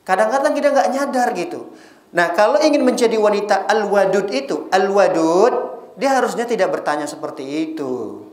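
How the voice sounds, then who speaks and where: A male Islamic preacher giving a casual, lively sermon to a women's audience, often teasing them with rhetorical questions. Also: high voice, moderate pace, reverberant.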